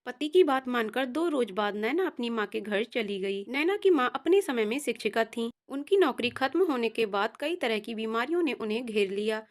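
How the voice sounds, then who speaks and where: A woman storyteller reads a scripted family tale at a steady, measured pace. Her voice sits slightly higher than most women's.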